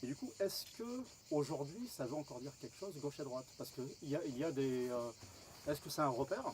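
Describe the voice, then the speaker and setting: A man's voice: on the high side, expressive, a little fast, darkish tone, a little hiss or hum, poor audio. A French man asking questions in an interview, hesitant, with many fillers and false starts.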